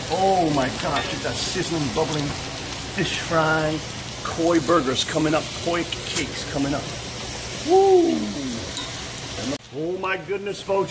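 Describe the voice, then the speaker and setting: Excited male vlog host, exuberant cooking commentary, slightly high voice, noisy outdoor take. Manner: exuberant, keeps whooping and exclaiming. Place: outdoors by a frying pot.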